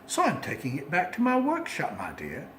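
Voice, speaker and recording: A man's voice: on the high side, huge pitch swings, moderate pace, a bit bright, slight background noise. Guy doing a sly mean storybook creature, slick n gloating, swoops around, recited from memory in a roomy spot. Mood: falsely sweet. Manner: slick, mock-sweet, gloating. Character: sly, gleefully mean grumpy male holiday-stealing creature.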